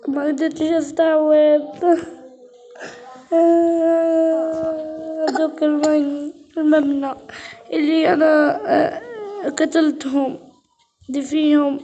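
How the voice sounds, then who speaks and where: High frantic woman storyteller. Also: little pitch movement, a little slow, warm tone, lo-fi sound. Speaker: storyteller voicing the heroine. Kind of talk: first-person role-play storytelling.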